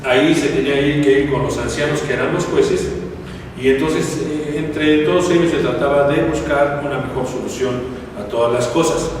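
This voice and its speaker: Man, conversational Bible teacher, slightly high voice, recorded from afar in a long-echo hall with faint noise. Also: steady tone, normal speed. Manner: chatty, rhetorical questions to the audience. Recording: echoey hall from far off, faint hiss.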